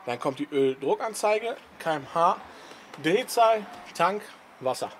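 Chatty high-voiced man in a garage. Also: lively intonation, unhurried, fairly bright tone, a little hiss or hum. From Italian family background. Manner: chatty, laughs often, frequent "ne?" tag questions. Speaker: car garage vlogger. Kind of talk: casual chat.

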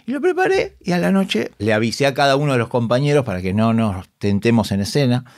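A man's voice: mid-range voice, fast talker, dry recording, clean studio sound. An actor and comedian with a Rioplatense Spanish accent, telling backstage anecdotes in a casual podcast chat, acting out his colleagues' voices. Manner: animated, acts out voices of colleagues, laughs often. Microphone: studio microphone.

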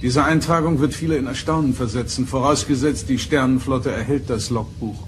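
An actor playing a commanding starship captain in a German audio drama, formal, crisp and stern. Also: male voice, medium pitch, a little fast, slight background noise, lightly acted. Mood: grave, formal.

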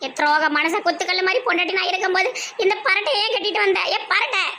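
A sharp-tongued woman with a Tirunelveli Tamil accent, scolding loudly in a village comedy sketch. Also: extremely high pitch, steady tone, quick pace, slight background noise.

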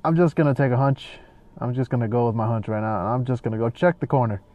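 A man's voice: mid-range voice, quick pace, lo-fi sound. A man giving casual gameplay commentary, joking and sarcastic as he talks back at the game.

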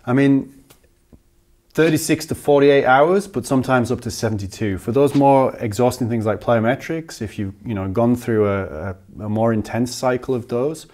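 A man's voice: medium pitch, normal speed. A man in his thirties, a strength coach, explaining training methodically in an indoor gym. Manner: steady, methodical listing of figures. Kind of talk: instructional explanation.

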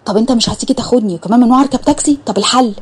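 A woman's voice: a little high, very fast, slightly rough, pitched above the performer's own voice. A woman voicing a shy young student in love, in an Egyptian accent, speaking bashfully. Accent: Egyptian Arabic.

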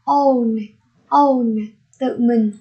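A woman's voice: on the high side, fairly even intonation, highs cut off. A woman teaching an English lesson, saying each word twice and then explaining it. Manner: repeats each word slowly, then glosses it. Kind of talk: vocabulary lesson.

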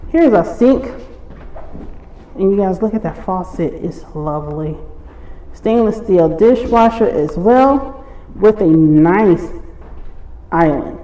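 A breathless woman narrates a casual house-tour vlog. She talks slowly in a soft, mellow tone, admiring as she goes. The sound is echoey, from a handheld phone. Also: medium pitch, expressive. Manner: admiring, addressing viewers. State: short of breath. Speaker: vlogger touring a show home. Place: walking through an empty or staged house and its yard. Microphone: handheld phone held by the person filming. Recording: echoey rooms, light background noise.

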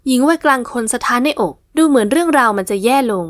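A woman narrating a romance novel in a scripted, expressive reading. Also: high voice, fast, no echo, studio quality. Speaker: audiobook narrator.

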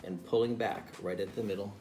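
Soft music plays under this pastor in his thirties, whose voice is on the low side and darkish, with fairly even intonation and a fairly quick pace. At a home dining table he patiently demonstrates a playful how-to for children, repeating each step. A camera on the table records him.

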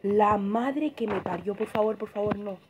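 A woman's voice: medium pitch, normal speed, heavy background noise. A woman casually commentating a horror game, swearing a lot, muttering under her breath and screaming when startled. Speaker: gamer streamer.

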